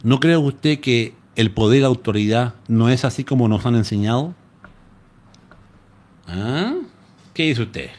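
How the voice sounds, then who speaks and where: A pastor from Chile with a Chilean Spanish accent, preaching a live-streamed sermon in an animated storytelling manner. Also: male voice, mid-range voice, moderate pace, few pauses. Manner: animated storytelling, addresses listeners as "hermano".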